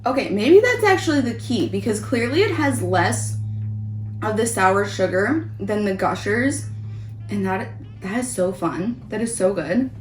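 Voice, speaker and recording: A woman's voice: mid-range voice, lively intonation, measured pace, faint music behind. Woman chatting in an echoey room. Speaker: host of a taste test vlog. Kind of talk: casual chatty food review. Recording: roomy echo, background noise.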